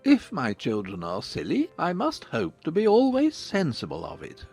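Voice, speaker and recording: An actor playing a dry, middle-aged gentleman father in a dramatized audiobook, coolly ironic and deliberate. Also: fairly high pitch, wildly swooping pitch, gravelly, slightly rough, faint music behind, heavily acted. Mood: cool, mocking. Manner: coolly deliberate, drawling irony.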